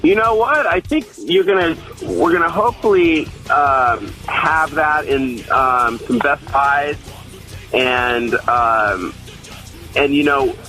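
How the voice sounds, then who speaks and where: In a poor-quality recording with soft background music, a man in a touring band gives a casual interview chat. He sounds a little high, pushed and bright, speaking slowly. His manner is laid-back and loose, packed with fillers and restarts.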